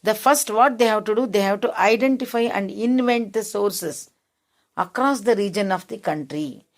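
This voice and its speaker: In a classroom geography lesson, a woman with an Indian English accent reads a passage aloud and then explains it again in simpler terms, frequently restarting sentences. She speaks at a moderate pace and an ordinary middle pitch, rephrasing every point plainly and checking whether it's clear.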